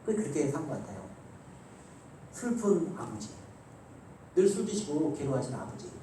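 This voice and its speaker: A man's voice: fairly high pitch, very animated, normal speed, a little hiss or hum. Emphatic male pastor in an echoey hall. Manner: emphatic storytelling, swinging between loud and soft. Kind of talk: Sunday afternoon sermon. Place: church sanctuary. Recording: very echoey church hall, voice from far off, faint ambience.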